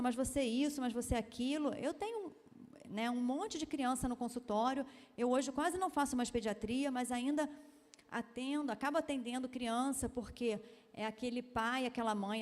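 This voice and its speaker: Brazilian woman, pediatrician, seminar lecture, chatty, somewhat high voice, reverberant lecture hall. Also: darkish tone. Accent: Brazilian Portuguese. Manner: chatty, with frequent tag questions and quoted voices. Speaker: pediatrician giving a seminar talk. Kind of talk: lecture talk.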